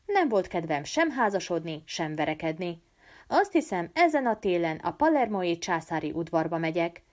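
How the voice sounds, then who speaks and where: Woman reading as young male student, breezy, teasing, evasive, audiobook figure, lively up-and-down voice. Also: lowish voice, lightly acted.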